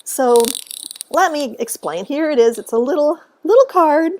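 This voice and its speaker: A woman with a slightly high voice recounts a childhood memory to the camera at home. She is animated and often laughs, and she acts out the voices in her tale. A faint hiss runs underneath. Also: normal speed. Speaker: author and speaker. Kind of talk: casual storytelling to camera.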